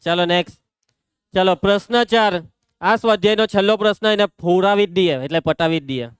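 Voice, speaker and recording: A man's voice: sits high, a little fast, clear, resonant tone, no room sound, studio quality. A man with a Gujarati accent teaching a maths class, calling out students by name and teasing them. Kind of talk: classroom lesson.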